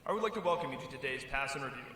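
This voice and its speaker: Male officer hosting a ceremony, quick formal PA speech, bright tone, very echoey. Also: medium pitch, expressive. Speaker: military officer, ceremony host. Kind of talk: formal welcome speech over public address. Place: large indoor drill hall. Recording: echoey hall, distant, faint noise.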